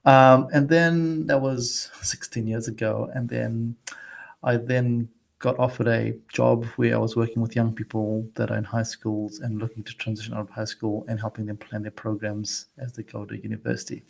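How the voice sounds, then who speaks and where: Over a video call, a Zimbabwean man in his forties chats casually as a guest advisor on student transitions, often restarting his words with quick little laughs. His voice is medium-pitched, level, and creaky.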